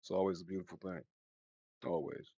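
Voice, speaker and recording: Low voiced guy doing a laid-back tarot reading, slangy, bit of a lisp n slur from wearing a retainer, music behind him. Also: steady tone, brisk, warm tone, husky, no room sound, lo-fi sound. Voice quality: slightly slurred, lisping speech from wearing a retainer. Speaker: tarot reader. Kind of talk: casual tarot card reading.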